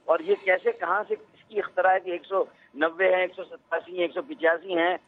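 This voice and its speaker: Man, phone-line guest, insistent, talks over others, tinny lo-fi line, somewhat high voice. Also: fairly even intonation. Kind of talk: political debate on a phone line.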